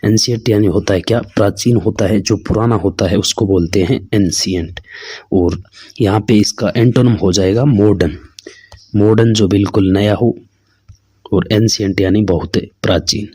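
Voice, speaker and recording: Husky low-voiced man teaching English. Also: moderate pace, dark tone, dry recording. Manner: calls listeners "friends", asks and answers his own questions. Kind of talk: exam-prep lesson.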